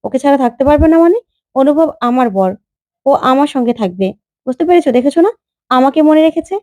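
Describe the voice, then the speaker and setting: A spiteful young wife from a retold TV drama, voiced by a woman, who taunts in a raised, high voice. The tone stays mellow and the sound is dry and close. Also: lively intonation, quick pace, dry recording. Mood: taunting.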